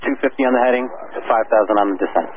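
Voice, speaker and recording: A man's voice: on the low side, racing. A man working as an approach air traffic controller, giving clipped instructions over an aircraft radio with static. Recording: narrow radio band with faint static.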